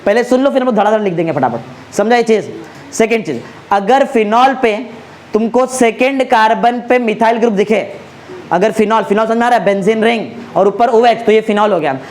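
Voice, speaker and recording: A male chemistry tutor with a high-pitched voice lectures a class, peppering students with constant check-in questions. He slowly repeats key names to emphasize them.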